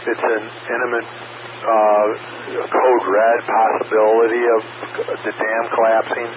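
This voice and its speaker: A man giving halting, plain-spoken, unscripted reports as an amateur radio operator over a two-way radio. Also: on the low side, completely flat delivery. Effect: two-way radio transmission. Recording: very noisy narrowband radio, heavy static.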